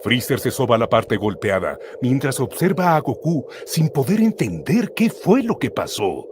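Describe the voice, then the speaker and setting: A man's voice: medium pitch, big pitch swings, moderate pace, background noise. A man narrating a cartoon episode like a storyteller, adding comic asides. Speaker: storyteller, streamer.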